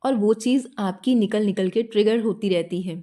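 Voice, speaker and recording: A woman's voice: medium pitch, normal speed, warm tone. A woman hosting a spiritual guidance channel, explaining in a teacherly way, asking the listener questions and checking in often. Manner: teacherly, poses questions and keeps checking with "theek hai?".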